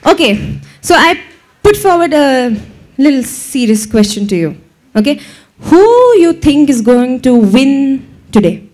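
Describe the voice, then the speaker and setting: Lively woman emceeing a crowd. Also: high-pitched, measured pace. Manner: lively, teasing crowd banter. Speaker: event emcee. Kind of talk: live audience hosting. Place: event venue with live audience.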